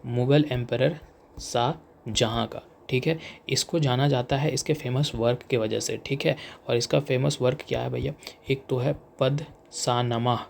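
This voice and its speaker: A young man with an Indian accent giving a casual exam-prep lecture, chatty and repetitive, reading English lines slowly. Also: medium pitch, fairly even intonation, creaky, a little hiss or hum. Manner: chatty, repeats "theek hai", reads English slowly. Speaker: exam coaching teacher.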